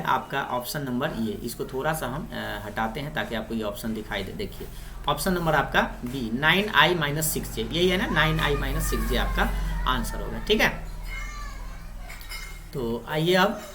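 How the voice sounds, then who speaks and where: Young woman, low-pitched, patient exam-prep maths tutor with a soft hiss behind her. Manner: patient, repetitive explaining with frequent "dekhiye" and "thik hai". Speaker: maths teacher. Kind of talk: exam-prep lesson over worked problems.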